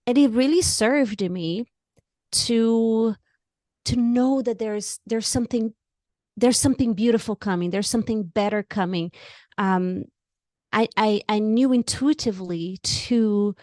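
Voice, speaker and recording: A woman from Brazil with a Brazilian Portuguese accent, a guest on an interview show who speaks earnestly and haltingly, often repeating words while she searches for them. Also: a little high, a little mellow, no room sound, clean studio sound. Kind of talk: candid interview talk.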